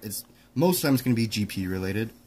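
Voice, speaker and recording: Low-voiced man explaining console repair. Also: lively intonation, quick pace, dark tone, slight background noise. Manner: explanatory, rambling, self-correcting. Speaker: repair technician explaining hardware. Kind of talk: casual hands-on demonstration.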